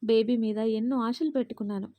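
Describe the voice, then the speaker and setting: A woman's voice: on the high side, steady tone, brisk, mellow, dry recording, close to an everyday voice. A woman voicing a grieving young wife in a storybook reading, hurt and tearful.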